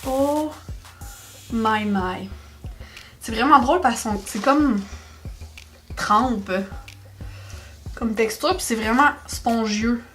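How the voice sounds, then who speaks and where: A young woman with a Québécois French accent, chatting excitedly through a makeup haul in a casual vlog. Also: on the high side, slow pace, pauses often, faint music behind. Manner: chatty, excitable, exclaims over products. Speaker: beauty vlogger.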